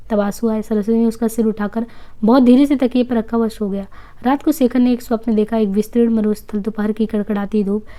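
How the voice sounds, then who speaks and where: A woman reading a novel aloud at a steady pace, sometimes slipping and restarting a phrase. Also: fairly high pitch. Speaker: reader.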